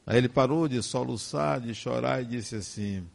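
An older man with a Brazilian Portuguese accent, giving a personal testimony as a spiritist speaker in slow, emphatic, emotive storytelling. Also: medium pitch, gravelly.

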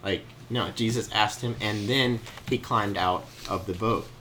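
Young male study leader, low voice, playful storytelling, faint room hum. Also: unhurried. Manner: joking, animated storytelling with laughs. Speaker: youth Bible study leader. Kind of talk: casual teaching.

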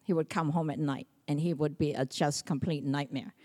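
A middle-aged woman from Samoa giving a personal testimony sermon, telling stories in a lively way and acting out quoted speech. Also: low-pitched, normal speed. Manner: lively storytelling, acts out quotes, laughs often. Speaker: preacher.

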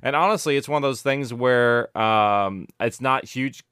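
Heard in studio-quality audio with no room sound, this middle-aged man speaks at a measured pace in a clear, resonant, mid-range voice. As a guest being interviewed about his work as an audio drama producer, he chats casually and rambles animatedly, fixing his own words and leaning on "like" and "you know."

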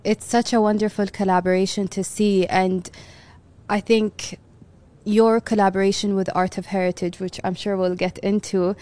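A woman who is a guest in an interview. She speaks in a gracious, measured way. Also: medium pitch, flat delivery, a little mellow. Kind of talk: interview answers.

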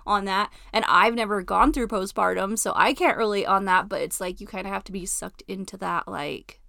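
A woman's voice: mid-range voice, moderate pace, vocal fry, sharp tone, dry recording, studio quality. A young woman co-hosting a podcast, chatting casually with lots of giggles and fillers. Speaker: podcast co-host. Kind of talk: casual chat.

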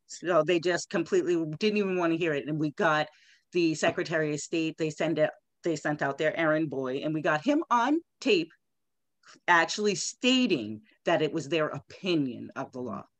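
Quick, emphatic bursts mark the speech of a woman congressional candidate being interviewed as a guest in a conversational exchange. She sounds animated, her voice sits low, and there's no room sound.

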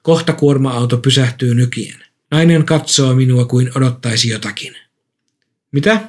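A man reading a first-person story aloud in a calm, measured way. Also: medium pitch, breathy edge. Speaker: narrator.

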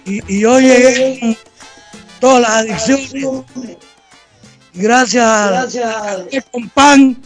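A man's voice: very high voice, extremely slow, long pauses, music in the background. A man being interviewed on a live radio show, speaking earnestly and gratefully. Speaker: guest. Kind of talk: on-air interview.

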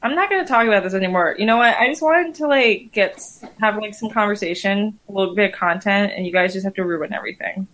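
A woman's voice: mid-range voice, quick pace, few pauses, fairly bright tone, low-quality recording. A woman in her twenties, chatting playfully and defensively as a podcast co-host among male friends. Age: 20s. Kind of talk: casual group chat.

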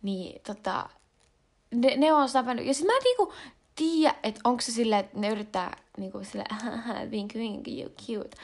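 A woman's voice: a little high, big pitch swings. A young adult woman vlogging in a casual confessional chat, rambling with lots of fillers and slang. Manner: rambling and slangy, with frequent fillers and English words mixed in.

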